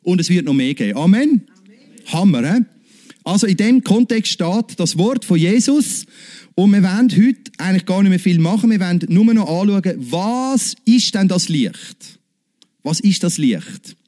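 A man preaching a sermon, emphatic, with big swings in pitch and repeated calls of Amen. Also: lively intonation, moderate pace, dark tone.

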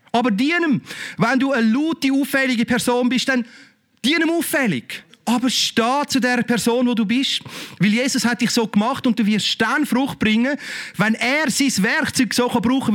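A high-pitched middle-aged man preaching with a Swiss German accent. His delivery is fervent and exclamatory, full of cries of praise and rhetorical questions to the congregation. He speaks as a pastor in the middle of a sermon. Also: a bit bright.

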